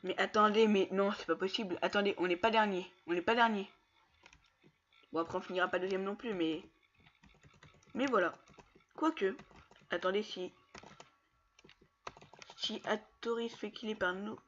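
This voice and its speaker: A man commenting casually on his own online matches, taunting opponents and breaking into excited yells. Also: sits high, moderate pace, pauses often, lo-fi sound. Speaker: gamer streaming gameplay.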